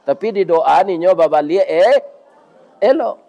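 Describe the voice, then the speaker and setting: A middle-aged man preaching a sermon with a Minangkabau accent, lively and joking, who keeps asking his listeners for agreement. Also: sits high, measured pace, creaky, highs cut off.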